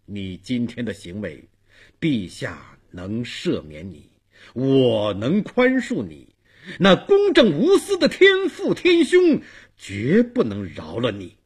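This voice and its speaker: A male storyteller voicing a furious, commanding warlord king who shouts stern orders in a raspy voice. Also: on the low side, very animated, slow pace, voice pushed down, exaggerated voice. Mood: thundering.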